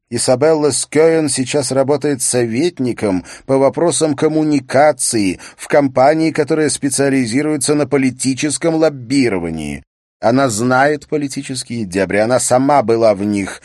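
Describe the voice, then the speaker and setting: A man playing a forceful, persuasive police chief. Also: mid-range voice, no echo, studio quality, voice pushed up, lightly acted. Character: ambitious middle-aged male police chief, smooth-talking.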